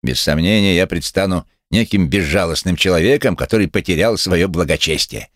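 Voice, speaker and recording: A man's voice: sits low, brisk, dry recording, studio quality, natural voice. A man voicing a sneering one-legged male cynic who speaks with mocking contempt. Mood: scornful.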